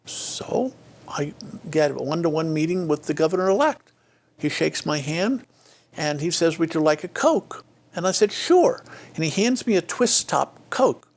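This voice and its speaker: Older man with a gravelly, fairly high voice. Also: animated, normal speed. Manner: frequent fillers and restarts, acts out quoted dialogue. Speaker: interview guest, former state official. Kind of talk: reflective storytelling interview.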